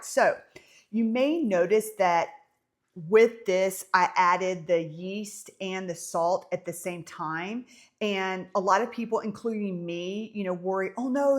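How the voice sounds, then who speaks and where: A woman with a Southern accent giving a casual, chatty baking tutorial in a home kitchen, full of ums and small self-amused asides. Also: medium pitch. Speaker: home baker teaching a bread recipe.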